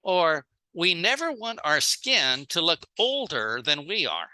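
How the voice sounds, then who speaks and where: Slow and very animated, a mid-range voice with a sharp tone leads a sales training seminar. Short plain phrases leave room for an interpreter, and the speaker acts out little example dialogues.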